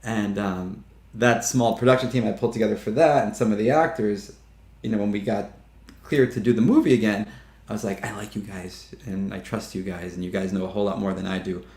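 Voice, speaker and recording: Low-leaning and a little mellow, this man's voice holds a steady tone and runs slightly fast. He's a filmmaker in his 50s chatting as an interview guest, laughing a lot and performing other people's quotes as he tells his stories, all in a room with noticeable echo.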